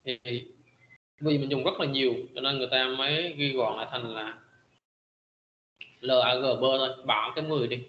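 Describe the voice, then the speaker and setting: A middle-aged man teaching a high school math class in a classroom lecture, filling his pauses with frequent hesitant "à" sounds. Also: fairly even intonation, roomy sound, highs cut off, a little hiss or hum.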